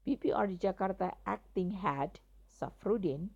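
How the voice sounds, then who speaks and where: A woman's voice: mid-range voice, moderate pace, gravelly, darkish tone, muffled recording. A woman with an Indonesian accent reads a news article aloud, carefully and with the odd stumble.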